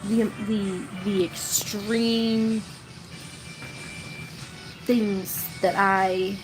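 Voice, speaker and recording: Over background music, a woman in her thirties speaks in a medium pitch with a flat, very slow delivery. She's a storytelling creator on a casual live stream, wandering through chatty tales of her past and frequently laughing, though the recording quality is low.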